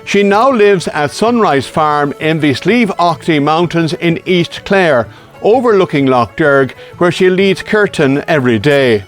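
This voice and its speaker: A man hosting a local TV show, reading a formal introduction in a measured way and then asking interview questions. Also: a little high, expressive, soft background music. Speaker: TV show host.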